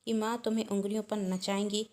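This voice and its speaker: A woman voicing a tired young husband back from the office, gently and concernedly questioning his wife in a storybook reading. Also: medium pitch, level tone, fast, natural voice.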